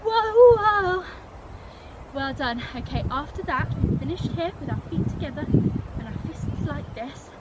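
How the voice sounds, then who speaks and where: High-voiced woman teaching a children's dance. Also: normal speed, heavy background noise. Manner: encouraging, step-by-step instruction. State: out of breath at times.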